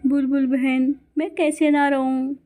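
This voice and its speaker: A woman's voice: high-pitched, flat delivery, a little slow, mellow, faint music behind. A woman voicing Gori, a loving mother bird who is upset and tearful. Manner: tearful, pleading.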